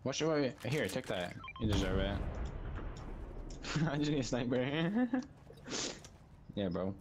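A man trash-talking over game voice chat, his pitch jumping all over as he jokes and swears. There is a clear hiss of noise under his voice on the headset line. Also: slow pace. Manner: joking, swears a lot, excitable. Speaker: gamer. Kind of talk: casual gaming banter.

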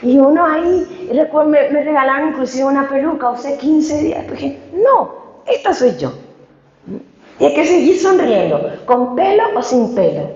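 A woman from Paraguay who preaches and sings, telling a personal story in a lively way full of rhetorical questions. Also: sits high, normal speed, hardly any pauses. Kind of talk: sermon. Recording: echoey room, dull lo-fi sound.

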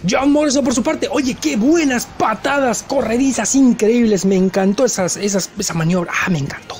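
A man doing excited play-by-play commentary on a wrestling video game, breaking into quick shouts at the big moves. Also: extremely high pitch, a little hiss or hum.

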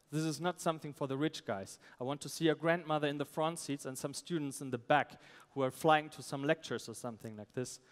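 A man, a startup founder giving a halting, pitch on a conference stage. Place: stage in a large event hall. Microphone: headset. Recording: amplified voice in large reverberant hall.

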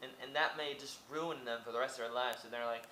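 Speaking quickly with fairly even intonation, a young man from Oregon, United States, rambles through a casual vlog monologue to a close-range webcam in a small room, repeating himself and asking rhetorical questions. His medium-pitched voice has a sharp tone. The sound is roomy with slight hiss or hum.

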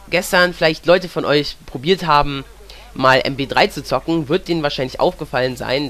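This gaming commentator is a young man with a cold whose voice sits at medium pitch with a fairly bright tone. He talks loosely and chattily over the gameplay, wandering off topic and dropping in "ja" as filler.

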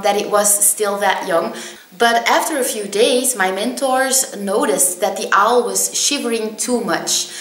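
A woman's voice: on the high side, fairly bright tone. Chatty young woman in an echoey room. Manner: chatty, many ums, laughs at herself. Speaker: vlogger. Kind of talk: casual storytelling to camera. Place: small indoor room with plain wall.

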